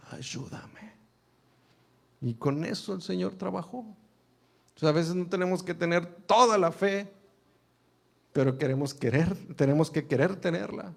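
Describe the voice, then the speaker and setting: A man preaching a sermon who reads a Bible passage and keeps checking in with listeners. He acts out the quoted pleas with emotion. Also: creaky. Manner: earnest, asks listeners "¿sí?" often; acts out the father's plea with rising pitch.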